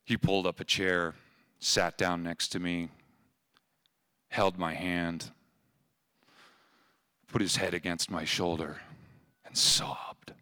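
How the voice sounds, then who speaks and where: A man from Oregon telling an emotional personal story to a live audience, slow and emphatic. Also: low voice, flat delivery, sharp tone, clear, resonant tone.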